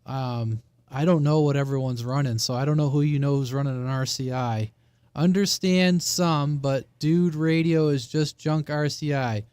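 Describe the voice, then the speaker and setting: High-pitched, clear-voiced man chatting on radio. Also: normal speed, darkish tone, no echo, clean studio sound. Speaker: CB radio operator hosting a live-streamed channel. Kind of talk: casual radio chat.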